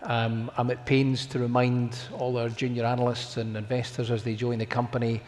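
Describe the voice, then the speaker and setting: A man with a broad Scottish accent, speaking in measured phrases as an investor being interviewed on stage. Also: medium pitch, level tone, darkish tone. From Scotland. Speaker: guest investor, fund manager. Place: conference hall with microphone. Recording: echoey hall, background noise.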